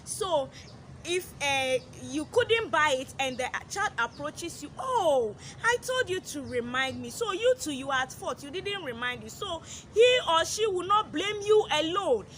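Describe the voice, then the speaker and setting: A woman's voice: very high voice, animated, unhurried, a bit bright, a little hiss or hum. A woman, a mother, giving earnest advice to other mothers in a casual vlog, repeating her points and acting out what children say. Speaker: parenting advice vlogger, mother.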